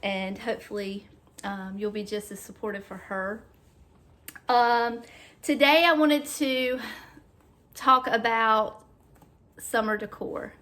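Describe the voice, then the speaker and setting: Woman home decor vlogger, chatty and friendly, slightly high voice, lots of ums. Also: steady tone, takes it slowly, long pauses, pushed and bright. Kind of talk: casual chat to camera. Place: her home.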